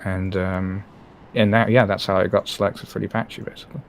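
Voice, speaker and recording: His voice sits low and gravelly with little pitch movement, and he speaks a little fast over slight background noise. The man, a Dutch former Apache pilot, gives a candid live-stream interview full of hesitant restarts.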